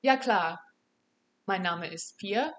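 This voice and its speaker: A woman's voice: mid-range voice, expressive, slow pace, a bit bright, slight background noise. Young American woman speaking learner's German. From United States. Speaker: podcast guest. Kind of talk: casual interview answers.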